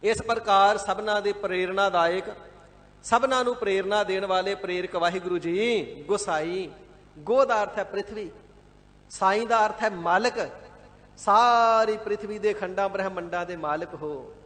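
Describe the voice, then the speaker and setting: A man giving a devout, measured scripture sermon, explaining and repeating words one by one and at times chanting a verse. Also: high voice, a bit bright, long reverb tail. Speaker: Sikh scripture expounder. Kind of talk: line-by-line scripture exposition sermon. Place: large gurdwara hall.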